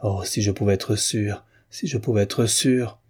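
A tormented, jealous young husband who swings between rage and tenderness, as the reader plays him. The voice is low, dark and husky. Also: male voice, measured pace. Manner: pleading, feverish.

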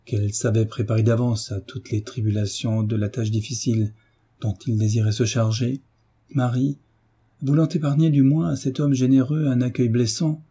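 Dark husky male audiobook narrator. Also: fairly low pitch.

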